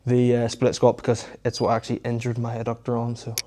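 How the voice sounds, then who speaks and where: A man's voice: medium pitch, monotone, fast talker, warm tone. A young man giving casual, matter-of-fact commentary on his training between weightlifting sets in an informal way. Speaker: fitness vlogger.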